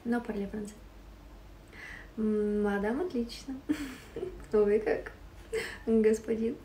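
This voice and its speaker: A woman's voice: on the high side, extremely slow, warm tone, echoey room, recorded from a distance, slight background noise. A woman from Ukraine hosting a casual livestream, greeting and thanking viewers, giggling often as she switches between languages. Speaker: live-stream host.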